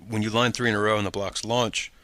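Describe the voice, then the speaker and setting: Male podcast host, low pitched and bright, relaxed rambling delivery. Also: fast talker, slight background noise. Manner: laid-back, rambling with ums. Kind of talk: casual podcast chat.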